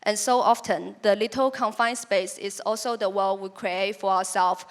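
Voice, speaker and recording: A woman's voice: mid-range voice, fairly even intonation, moderate pace. A young woman from China, a native Chinese speaker, giving a prepared talk about her photography in an earnest, reflective way with occasional restarts.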